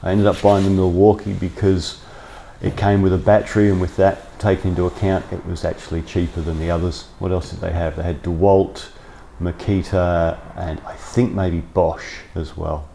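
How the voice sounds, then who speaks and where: A man's voice: low voice, fairly even intonation, moderate pace, gravelly, dark tone, slight background noise. A man giving a casual, chatty product review in his workshop, thinking aloud as he goes, on a clip-on mic. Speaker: workshop vlogger. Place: cold workshop. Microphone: clip-on lapel mic.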